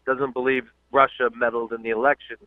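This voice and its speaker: A man's voice: mid-range voice, flat delivery, brisk, dry recording. Guy from the south calling into a radio show, phone line sounds tinny n dry, lots of uhs. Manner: hesitant, many uhs, trails off when pressed. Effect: calling in over a phone line.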